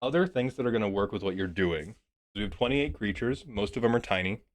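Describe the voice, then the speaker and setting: A man giving a casual, joking review of a card deck, a bit sick and clearing his throat, swearing as he thinks aloud. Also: fairly low pitch, lively intonation, a little fast. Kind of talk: casual commentary.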